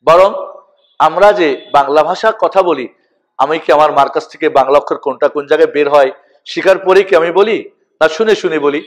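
A man teaching a lesson, slowly calling out each letter name for listeners to repeat. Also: fairly high pitch. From Bangladesh. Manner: slow, deliberate, spells out each letter name for repetition. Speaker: Quran teacher. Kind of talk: recitation lesson with call-and-repeat.

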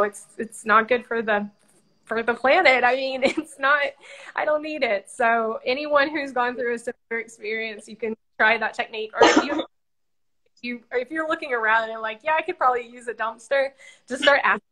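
A woman's voice: on the high side, a bit bright, poor audio. A woman from the United States interviewing a guest over a video call, chatting and telling a personal story at home. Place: indoors at home.

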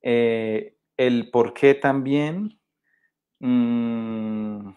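A man's voice: mid-range voice, extremely slow, a little mellow, clean tone, lo-fi sound. A man with a Colombian Spanish accent teaching a live virtual sign language workshop, explaining patiently and often checking for understanding, recorded on a webcam indoors.

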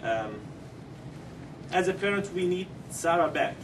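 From a seat at a table in a conference room, a middle-aged parent from Syria gives a prepared press statement, then takes questions. His voice sits high, and he speaks haltingly with many ums and non-native grammar. The table microphones reach us via a far camera, so the sound is distant with steady background noise.

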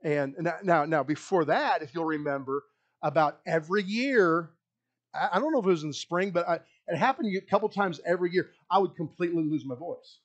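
A middle-aged pastor with a Kentucky accent paces the low stage of a small church hall, handheld mic in hand, delivering a lively sermon filmed by a distant wide camera. His voice is high for a man, brisk and animated, and he often circles back to repeat himself. The audio sounds dull.

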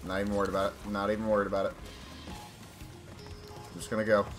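A young man casually commenting while he plays a video game, swinging between loud excited yelps and low frustrated muttering. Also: fairly quick, soft background music. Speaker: gaming channel host. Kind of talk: live let's-play commentary.

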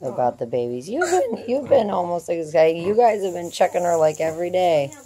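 A woman chatting casually as she films her family farm outdoors on a handheld phone, gentle with the animals. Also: fairly low pitch, very animated, fairly quick, a crowd in the background. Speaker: homesteader filming family farm. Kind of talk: casual narrated farm vlog. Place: outdoors on a farm, in a small livestock shelter.

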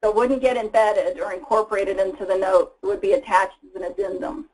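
A woman's voice: mid-range voice, steady tone, fairly quick, a little mellow, rough recording. A woman giving a casual, explanatory slide webinar presentation as a product presenter, with frequent fillers. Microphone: voice-over for slides.

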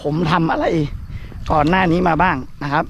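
A man's voice: on the high side, big pitch swings, moderate pace, a bit bright, a little hiss or hum. A man from northern Thailand chatting casually to viewers while running outdoors, talking with some effort. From Phayao province, northern Thailand. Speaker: running vlogger. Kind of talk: casual vlog chat to viewers. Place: outdoors along a road.

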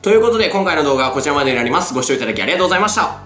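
A man's voice: fairly high pitch, expressive, rapid-fire, roomy sound, loud music behind the voice. A man vlogging in Kansai dialect, showing off a toy in a chatty, playful way with frequent laughs. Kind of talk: casual product showcase vlog.

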